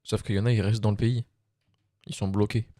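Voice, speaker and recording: Low mellow man, dry sound. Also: level tone, fast, no echo. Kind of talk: casual debate on a live stream.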